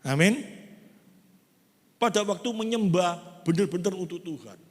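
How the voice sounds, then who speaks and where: Pastor, high voice, animated conversational sermon in a reverberant church. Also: male voice, unhurried. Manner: lively, conversational preaching with acted-out quotes. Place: large church hall. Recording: long church hall reverb.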